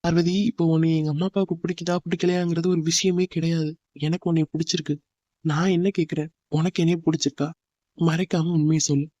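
A man's voice: a little high, flat delivery, fast talker, mellow, dry recording, close to an everyday voice. A man voicing an earnest young man in love, reassuring and tender, on a dull lo-fi dry recording. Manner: pleading, soothing. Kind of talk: cartoon drama voice acting.

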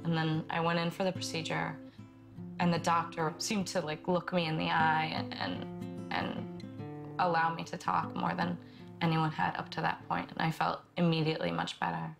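A young woman recounts her story for a documentary in a low, flat, slightly gravelly voice. She speaks softly and haltingly, with frequent pauses and fillers, while guitar music plays beneath her. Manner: halting and soft-spoken, many pauses and fillers. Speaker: interviewee. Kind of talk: documentary testimony.

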